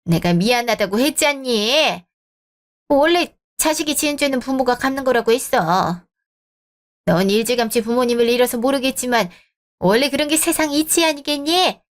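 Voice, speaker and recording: A woman's voice: high voice, expressive, moderate pace. A woman voicing a pushy, scheming middle-aged mother-in-law in a scripted radio drama, wheedling and self-justifying. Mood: lecturing.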